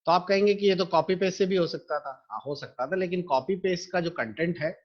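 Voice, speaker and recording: A man teaching computer software to students in a screen-recorded lesson, explaining each step patiently. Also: high voice, quick pace, muffled recording.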